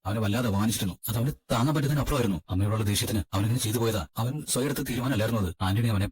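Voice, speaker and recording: A man's voice: on the low side, rapid-fire, a little mellow, breathy edge. A man dubbing a pleading young husband. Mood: consoling. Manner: pleading, earnest. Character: devoted young husband defending his family. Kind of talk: amateur Malayalam fan dub.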